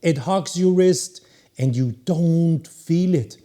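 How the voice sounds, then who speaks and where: A man's voice: on the high side, warm tone. A man reviewing a watch, opinionated and emphatic. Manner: opinionated, emphatic, drawn-out pauses. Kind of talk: product review talk.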